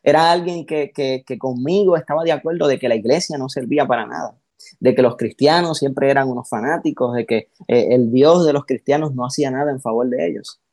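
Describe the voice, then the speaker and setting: A man's voice: medium pitch, a little fast, a little mellow, no room sound, low-quality recording. A pastor giving an emotional personal testimony in an interview. He tells the story with energy and acts out the voices he quotes.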